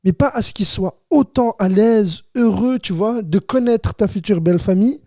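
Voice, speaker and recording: A man's voice: high-pitched, normal speed, mellow, no echo. A man in his thirties with a Rifian Moroccan accent, hosting a casual studio podcast and telling stories, often saying "you see". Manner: storytelling, says "tu vois" often, laughs easily. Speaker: podcast host. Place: small warm studio.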